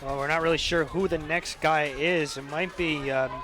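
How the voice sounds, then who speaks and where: Student color analyst, young man, high-pitched, explains plays loosely with fillers, outdoors at a stadium. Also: steady tone, moderate pace, bright, forceful tone, faint music behind, rough recording. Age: young adult. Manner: analytical, many fillers like "uh" and "you know". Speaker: color commentator. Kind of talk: college football analysis.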